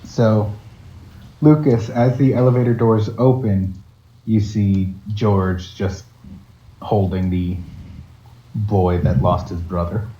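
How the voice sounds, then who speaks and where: A man's voice: fairly low pitch, fairly even intonation, slow pace, long pauses, mellow. A man narrating as game master of a tabletop game, hesitant and full of fillers, in a dull, echoey recording with background noise.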